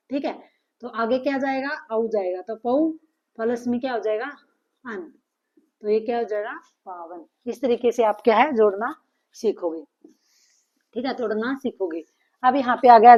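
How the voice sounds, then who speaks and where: A woman teaching a grammar lesson, patiently asking questions and answering them herself. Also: on the high side. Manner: patient, asks and answers her own questions. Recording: dull lo-fi sound.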